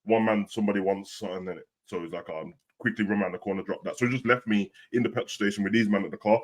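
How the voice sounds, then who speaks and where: A man's voice: fairly low pitch, racing. A young man with a British urban street accent and roadman slang, telling stories casually and acting out what people said. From Birmingham, England. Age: young adult. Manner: roadman slang, animated retelling with quoted dialogue.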